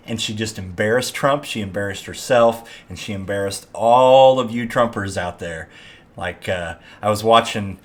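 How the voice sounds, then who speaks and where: Gleeful mocking male political show host. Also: lowish voice. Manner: mocking, gleeful, profane ranting. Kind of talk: political commentary.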